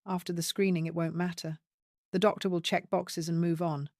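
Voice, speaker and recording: A woman voicing a scheming adult daughter-in-law who talks sharp and demanding, rising into shrieks. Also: on the low side, flat delivery, normal speed, no room sound, clean studio sound, natural voice. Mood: pleased scheming.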